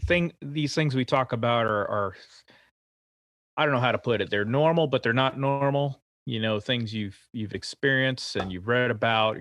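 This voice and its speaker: An American man co-hosting an aviation podcast, earnest and animated, laughing often. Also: mid-range voice, dry recording. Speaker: podcast co-host and airline crew member. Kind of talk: casual podcast chat.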